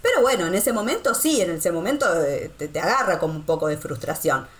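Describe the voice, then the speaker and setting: Animated Argentine woman telling anecdotes. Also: a little fast. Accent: Rioplatense Argentine Spanish. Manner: animated storyteller, acts out quotes with big pitch jumps. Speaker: guest, expat living in Poland. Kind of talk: casual conversational interview.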